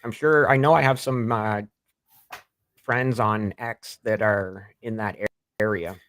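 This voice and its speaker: Man in his fifties, casual podcast chat, animated, gets loud and high when worked up, dry close sound. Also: measured pace, no room sound. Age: 50s. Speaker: podcast co-host. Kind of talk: casual political chat reading live comments.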